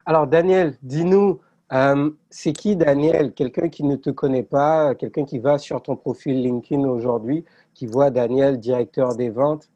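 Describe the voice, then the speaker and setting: A man's voice: mid-range voice, fairly even intonation, unhurried, mellow, dull audio. A man co-hosting a podcast, welcoming listeners and introducing his guest in an upbeat way. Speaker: podcast co-host.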